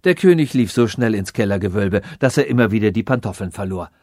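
A man narrating a fantastical story in a measured storytelling manner. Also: on the low side, expressive, a little mellow, no room sound, clean studio sound. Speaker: audiobook narrator. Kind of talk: scripted narration.

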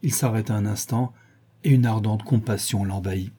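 A man reading a classic novel aloud as audiobook narration, measured and literary. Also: fairly low pitch, steady tone, warm tone, breathy edge. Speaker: audiobook reader.

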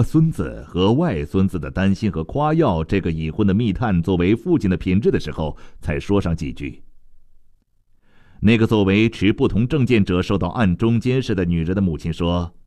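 A man narrating a novel as an audiobook in a measured, expressive reading. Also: sits low, no room sound.

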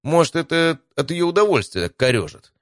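A man's voice: a little high, big pitch swings, a little fast, dry recording, clean studio sound, voice pushed up. A man voicing a teasing, joking young male adventurer in an audiobook. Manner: teasing, wisecracking. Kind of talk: audiobook character voice.

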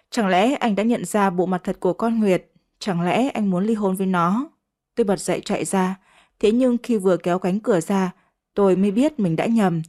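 A woman's voice: mid-range voice, a little mellow. Woman narrating a first-person story. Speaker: audiobook narrator.

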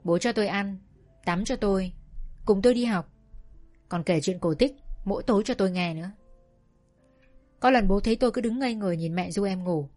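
Woman telling a childhood story, calm and reflective, soft music in the back. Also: medium pitch, brisk, long pauses. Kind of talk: first-person story narration.

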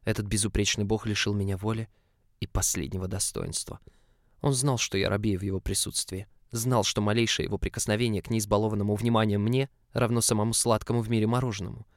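Low-voiced male audiobook narrator. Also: fairly even intonation, quick pace, no echo, clean studio sound. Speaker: audiobook reader. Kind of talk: scripted narration.

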